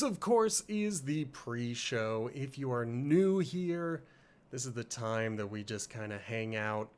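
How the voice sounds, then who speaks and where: This livestream host, who is playing through a game, has a clean, mid-range voice. Slightly sniffly with allergy congestion, he chats casually and rambles, poking fun at himself.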